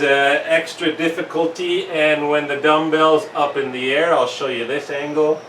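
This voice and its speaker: A male fitness instructor walks through a workout in slow, careful steps, a little winded between sets. His voice sits a bit high for a man. The sound comes from a camera mic some distance away in an echoey room. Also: fairly bright tone, a little hiss or hum. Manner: slow, step-by-step explaining. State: slightly winded.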